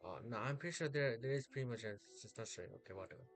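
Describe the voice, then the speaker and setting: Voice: medium pitch, animated, rapid-fire, soft background music. A streamer giving casual, playful commentary while playing a game and talking back to the characters. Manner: playful, chatty, talks to the game.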